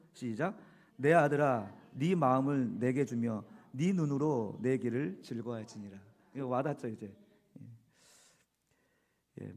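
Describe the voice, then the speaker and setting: A man preaching a Sunday sermon as senior pastor, earnestly leading his congregation in reading aloud and moving between soft low asides and loud emphatic peaks. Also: creaky. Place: church sanctuary.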